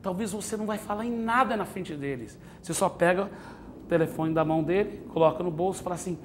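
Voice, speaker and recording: A man with a Brazilian Portuguese accent teaching a church parenting class in a sermon style. He acts out short parent and child exchanges and moves between loud emphasis and soft, quiet asides. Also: high voice, quick pace, a little hiss or hum.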